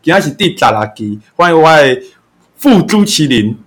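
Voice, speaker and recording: A man's voice: fairly high pitch, very animated, normal speed, fairly bright tone. A young man with a Taiwanese Mandarin accent hosting a casual podcast chat, joking, laughing often and swearing casually. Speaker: podcast host.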